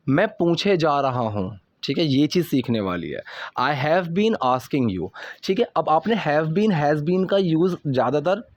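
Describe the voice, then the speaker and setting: A young adult man teaching English in a casual, patient way, reading English example lines slowly and checking in with listeners often. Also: a little high, a little mellow, no echo, lo-fi sound. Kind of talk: Hindi-language English lesson explaining subtitle lines.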